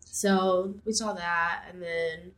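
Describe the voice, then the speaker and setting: Woman, young adult, lower pitch, casual podcast chat, rambling, lots of fillers. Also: steady tone, slow pace, a bit bright. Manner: rambling, many fillers and restarts. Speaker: podcast co-host.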